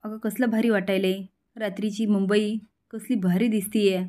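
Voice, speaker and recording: A woman voicing an excitable young village girl with gushing, rustic speech. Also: medium pitch, moderate pace, close to an everyday voice. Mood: excited.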